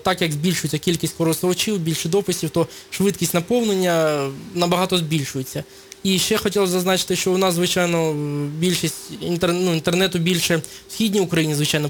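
A man speaking as a guest on a radio show, explaining things at length with many hesitations. His voice sits somewhat high. A faint hum runs underneath. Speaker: studio guest. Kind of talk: radio interview.

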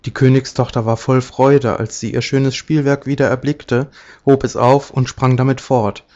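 A man's voice: medium pitch, level tone, moderate pace, darkish tone, muffled recording. Man reading a fairy tale aloud. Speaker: storyteller.

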